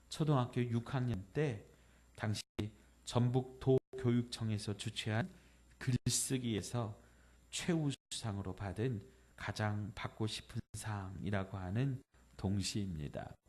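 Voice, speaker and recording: A male pastor giving a Sunday sermon, reading a poem and a letter aloud gently and slowing down on the tender lines. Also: medium pitch. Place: church sanctuary.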